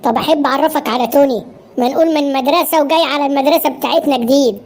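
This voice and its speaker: A woman voicing a cheerful, excitable schoolboy classmate in a cartoon, chummy in an Egyptian Arabic accent. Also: high-pitched, racing. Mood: excited. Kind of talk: cartoon voice acting.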